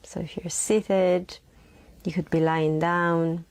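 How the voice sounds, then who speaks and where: A woman guides a meditation soothingly and without hurry, leaving long pauses and repeating phrases. Her soft, lowish voice turns breathy at times and has little pitch movement.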